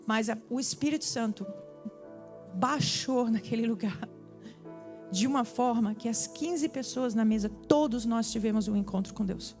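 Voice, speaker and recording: Woman preaching, bit high voice, acts out the story, faint music behind. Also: moderate pace. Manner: animated storytelling, acts out dialogue. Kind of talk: sermon testimony. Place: church.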